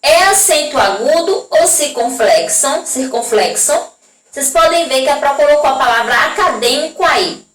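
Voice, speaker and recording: A Brazilian woman teacher giving a recorded lesson to young children, drawing out example words slowly and checking in with the class often. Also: sits high, animated, fairly bright tone. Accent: Brazilian Portuguese. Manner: slow, drawn-out pronunciation of example words; frequent checking tags to the class. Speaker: primary school teacher. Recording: echoey room, voice from a distance.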